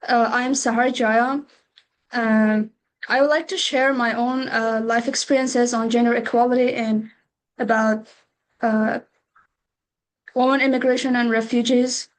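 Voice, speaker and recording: A young woman from Afghanistan on a video call, sharing her own story slowly with many hesitant pauses. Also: a little high, steady tone, poor audio. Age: young adult. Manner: slow and halting, many uh pauses. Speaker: webinar participant. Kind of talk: personal testimony on a video call.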